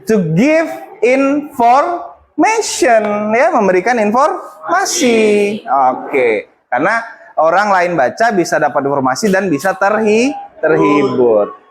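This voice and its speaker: A man's voice: sits high, sing-song, measured pace, slight background noise. A male English teacher instructing a classroom, mixing English phrases into his talk and prompting students.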